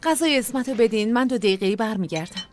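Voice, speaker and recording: A woman's voice: a little high, lively intonation, slight background noise, lightly acted. An actress dubbing a caring young woman who looks after her younger siblings. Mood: gentle. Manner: gentle, caring. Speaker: older sister caring for siblings. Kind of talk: Persian TV drama dubbing.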